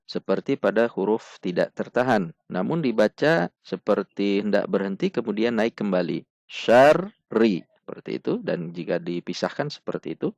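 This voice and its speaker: A man's voice: on the low side, gravelly, no room sound. A man teaching Quran recitation in a patient, step-by-step lesson, drilling syllables and counting beats aloud. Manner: chants verses in drawn-out melodic recitation. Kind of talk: slow step-by-step tajwid lesson.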